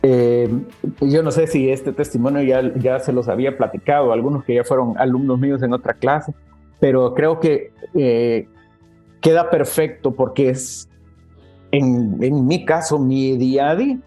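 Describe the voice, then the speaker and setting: A man's voice: mid-range voice, fairly even intonation, a little slow. Man, church teacher, chatty, faint music underneath. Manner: warm conversational, addresses listeners as brothers. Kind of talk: casual teaching talk. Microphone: webcam.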